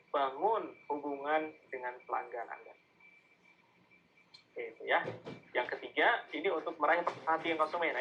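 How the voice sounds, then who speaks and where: A man's voice: a little high, dull audio, slight background noise. A man with an Indonesian accent giving a casual online marketing lesson, often asking his listeners questions and acting out sales calls. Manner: conversational, asks the audience questions, acts out sales calls. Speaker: digital marketing speaker. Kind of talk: online masterclass lecture.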